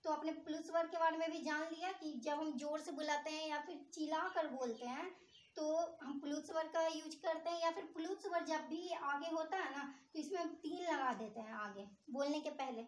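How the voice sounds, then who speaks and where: High-voiced woman teaching in an echoey room. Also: normal speed. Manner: asks the class questions and answers them herself. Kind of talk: explanatory grammar lesson.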